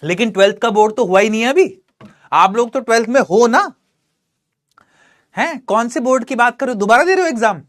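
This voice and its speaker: A man's voice: extremely high pitch, expressive, brisk, pauses often, fairly bright tone. A man teaching an exam-prep English lesson, coaxing his students and asking and answering his own questions.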